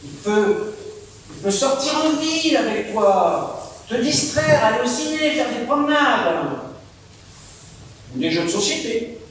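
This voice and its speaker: A man's voice: animated, unhurried, pauses often, a bit bright, heavily acted. A man in an amateur stage play, persuading a relative to accept home help in a reassuring way. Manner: persuasive, reassuring sales pitch. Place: theater stage. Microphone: far room mic. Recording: echoey hall from far off, faint hiss.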